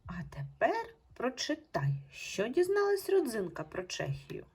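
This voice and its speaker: A woman teacher giving a recorded online lesson to young pupils, speaking in slow, patient, clearly spaced instructions. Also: a little high, huge pitch swings, darkish tone. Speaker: primary school teacher.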